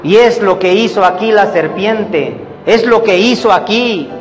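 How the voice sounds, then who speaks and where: A man preaching a sermon, emphatic and deliberate, calling his listeners brothers. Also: high-pitched. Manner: slow, emphatic preaching, addressing the congregation as brothers. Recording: reverberant hall with faint music.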